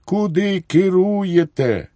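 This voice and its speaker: A man voicing a pompous, blustering army general who barks orders and goes shrill when angry. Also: sing-song, slow pace, darkish tone, dry recording, studio quality. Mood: curious.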